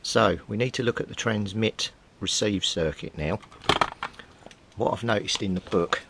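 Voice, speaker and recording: Speaking at a measured pace with vocal fry and a slightly bright tone, a middle-aged man talks himself through a repair. He's a hobbyist radio fixer and video maker working at a cluttered indoor workbench at home, with rumbling background noise throughout.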